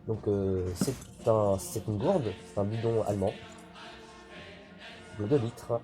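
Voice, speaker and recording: A man's voice: on the low side, slow pace. A young man presenting an unboxing video in a casual, hesitant way, with many fillers. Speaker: YouTuber unboxing militaria. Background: background music.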